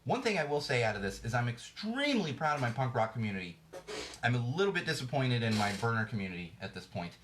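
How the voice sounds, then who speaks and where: A podcast host rants bluntly about current events in a medium-pitched, very animated voice, talking quickly and restarting often. His voice sounds slightly worn as he loses his temper, and there's background noise behind him.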